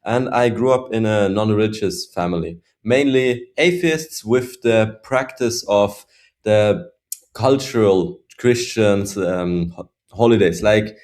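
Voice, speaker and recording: A man from Switzerland, a guest on a podcast, telling his story in a somewhat low voice. He speaks in a reflective, halting way and often goes back to restart a phrase. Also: a little mellow. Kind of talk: casual personal story in interview.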